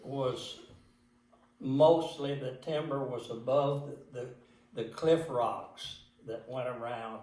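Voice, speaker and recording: Older man, Appalachian accent, slow halting speech, folksy casual reminiscing, distant echoey room recording. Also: medium pitch, steady tone, darkish tone. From southwest Virginia mountains. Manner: halting, plain-spoken, folksy. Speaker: interviewee. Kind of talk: casual oral history reminiscence.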